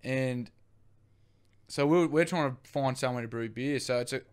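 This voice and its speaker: A man's voice: medium pitch, normal speed, smooth. A young man with an Australian accent, telling his brewing story in a rambling, casual way and swearing now and then. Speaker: brewery co-founder guest.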